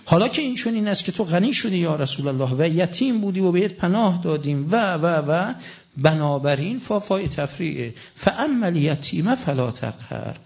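A middle-aged male preacher delivers a sermon with a fervent, insistent drive, reciting scripture between his own words. His voice sits high and carries a gravelly rasp. The recording is muffled and lo-fi. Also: lively intonation, a little mellow. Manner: impassioned, rising to fervent emphasis, recites scripture in Arabic. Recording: dull lo-fi recording.

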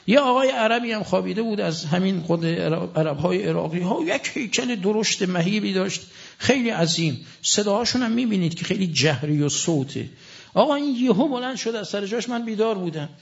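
A man's voice: high voice, creaky. A middle-aged man preaching a sermon with mounting passion and weighty recitation. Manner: impassioned, rising to fervent emphasis, recites scripture in Arabic. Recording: dull lo-fi recording.

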